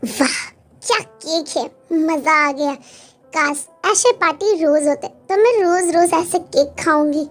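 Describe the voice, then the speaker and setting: A woman voicing a proud, sharp-tongued young wife in a fan-dubbed drama. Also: high voice, unhurried, soft background music. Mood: sassy. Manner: sassy, boastful. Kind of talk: Hindi fan dub acting.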